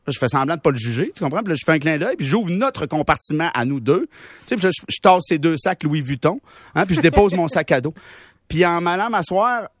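A young man with a Québécois accent spins a comic story on the radio. His voice sits high and his delivery is lively and full of slang, with laughs at his own punchlines. The recording is close and dry, with no room sound. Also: brisk, no echo. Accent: Québécois French. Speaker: radio show humor columnist.

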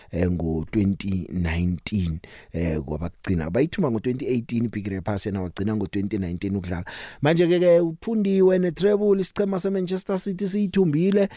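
A South African man hosting a sports radio show, talking through news and interviews conversationally with drawn-out pauses. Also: lowish voice, warm tone, no echo, clean studio sound.

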